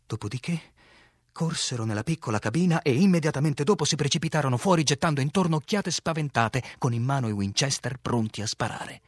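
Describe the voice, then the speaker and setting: A man reads a literary novel aloud in a husky, slightly breathy voice. He narrates with drama and builds intensity on the tense passages. The sound is dry and close, with no room around it. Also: medium pitch, expressive, brisk, dry recording. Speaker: audiobook narrator. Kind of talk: literary audiobook reading.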